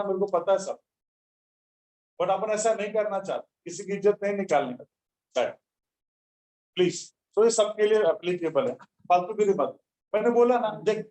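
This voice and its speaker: A man's voice: high voice, a little mellow, poor audio. A man teaching physics in a classroom, scolding students sternly before explaining the lesson. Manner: stern, lecturing students, calls them beta.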